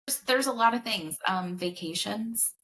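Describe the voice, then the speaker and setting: A woman's voice: mid-range voice, unhurried, sharp tone, a little hiss or hum. A woman in her early forties, a podcast guest chatting casually and upbeat about her life. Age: 40s. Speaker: podcast guest, senior care advocate. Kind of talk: casual chat.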